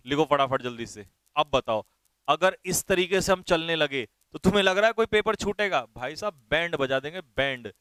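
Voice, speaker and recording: A man teaching a vocabulary class, brisk and directive, spelling words out letter by letter and urging students to write fast. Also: mid-range voice, a bit bright, clear, resonant tone, no echo.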